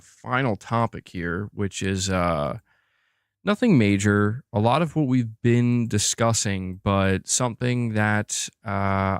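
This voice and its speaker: Hosting a gaming news stream, a man chats casually and informally with viewers, answering their messages. His voice is smooth and on the low side, captured in a dry, studio-quality recording.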